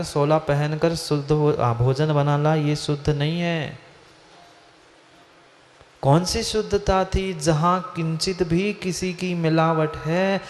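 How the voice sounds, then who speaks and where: A man's voice: a little high, a little mellow. A man, a monk, giving a Hindi-language religious discourse, asking his listeners questions and repeating phrases for emphasis. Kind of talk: sermon. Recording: hall reverb with faint ambience.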